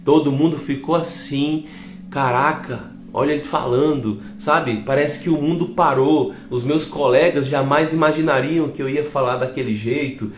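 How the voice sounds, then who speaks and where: A man's voice: fairly high pitch, moderate pace, hardly any pauses. A middle-aged man, a pastor with a Brazilian Portuguese accent, telling his testimony as a sermon, often turning to the congregation. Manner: lively storytelling, often addresses the congregation. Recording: echoey hall with faint music.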